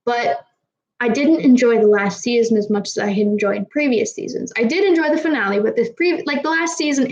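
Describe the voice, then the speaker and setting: A woman's voice: fairly high pitch, dull audio. A young woman from Kazakhstan, slightly tipsy, chatting casually with a live audience, rambling and swearing freely, with trouble pronouncing her R's. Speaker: streamer answering chat.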